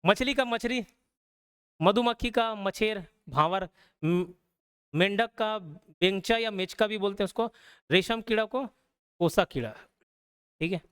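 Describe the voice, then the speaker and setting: A young man with a high, clear, ringing voice teaches a live online class. He explains in a relaxed, chatty way and keeps checking in with listeners, asking whether they are following. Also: a little slow, long pauses. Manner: casual explanatory, checks in with frequent "okay?". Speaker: online exam-prep teacher.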